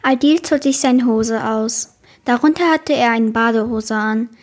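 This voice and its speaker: A woman's voice: on the high side, a little slow. A woman reading a children's novel aloud in a plain, careful way.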